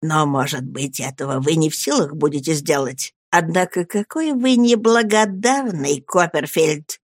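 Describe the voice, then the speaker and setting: A sly, falsely humble young man murmurs in a soft, slow, ingratiating voice, as a male audiobook reader puts him on. The recording is close and dry, with no room around the voice. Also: a little high, dry recording. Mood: hushed, reproachful. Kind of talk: audiobook character reading.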